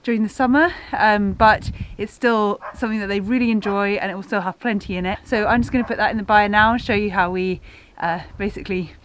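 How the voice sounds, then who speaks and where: A young woman hosting a farm vlog, talking in a relaxed, thoughtful way with plenty of fillers, filmed outdoors and in a goat shed. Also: mid-range voice, fairly quick, few pauses, slight background noise. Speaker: farmer and vlog host.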